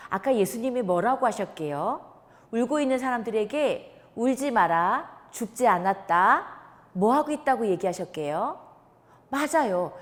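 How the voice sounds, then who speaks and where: A woman preacher telling a Bible story to young children in an animated, sing-song way and acting out the characters' lines. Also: medium pitch, in a large hall. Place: church.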